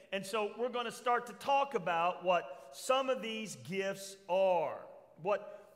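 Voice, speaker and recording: An older man with a fairly high, slightly bright voice preaches a sermon from a pulpit in a church hall. As the pastor reads scripture and poses questions to his congregation, a long reverb trails after each phrase.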